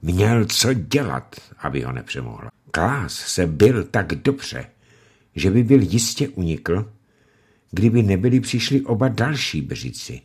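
A man narrating a story as an audiobook, expressive in his delivery. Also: low voice, husky. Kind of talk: audiobook reading.

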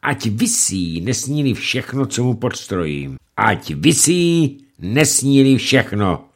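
Storybook role: man doing an indignant fat cook, high and bouncy, grumbling. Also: sing-song. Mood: scheming. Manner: fussy, indignant, pitch jumps high. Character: fat fussy male ship's cook, grumbling, tender-hearted. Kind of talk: audiobook character reading.

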